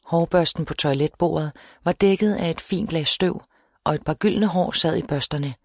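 A woman reading a novel aloud as an audiobook narrator, in a steady, measured storytelling manner. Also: sits low, dry recording, clean studio sound. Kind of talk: scripted narration.

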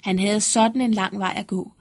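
A woman narrating a fairy tale in a lively storytelling manner. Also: medium pitch.

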